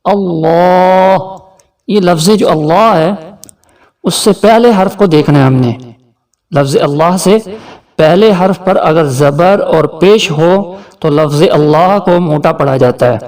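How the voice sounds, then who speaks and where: Man, Pakistani Urdu accent, tajweed teacher, higher voice, mic at a distance, explains then recites slowly. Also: darkish tone. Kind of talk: tajweed lesson with slow recitation.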